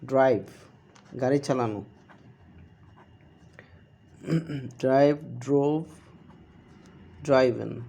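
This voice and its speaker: A man teaching an online English grammar lesson, slowly repeating verb forms to drill pronunciation. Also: mid-range voice, fairly even intonation, creaky, mellow.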